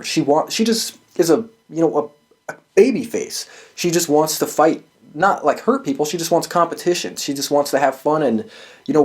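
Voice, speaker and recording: The voice is male, on the high side, with a darkish tone. As host of a wrestling prediction show, he gives loose, opinionated commentary that's emphatic and full of profanity.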